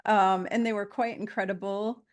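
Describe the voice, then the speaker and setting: A woman in her fifties talks as a guest in a relaxed conversation, her voice sitting at an ordinary middle pitch. She wanders through her points, pausing on fillers and circling back to restart her sentences. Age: 50s. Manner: meandering, with frequent fillers and restarts. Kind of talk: casual conversation.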